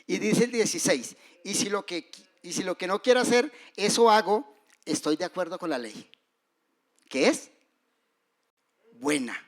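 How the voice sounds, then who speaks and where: A man preaching a sermon, moving between loud rises and soft, hushed drops. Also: high-pitched, lively intonation, unhurried, long pauses. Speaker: pastor.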